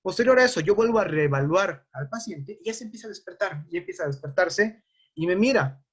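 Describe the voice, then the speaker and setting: Husky-voiced male first-aid instructor. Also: high-pitched, lively intonation, brisk. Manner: explains with worked examples, asks the class rhetorical questions. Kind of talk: classroom lecture.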